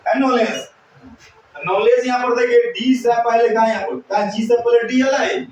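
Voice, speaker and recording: A man's voice: very high voice, steady tone, moderate pace, a little mellow, dull audio, a little hiss or hum. A male teacher giving a classroom lesson, drilling students with repeated questions and call-and-response. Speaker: English teacher. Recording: echoey room, mic far off.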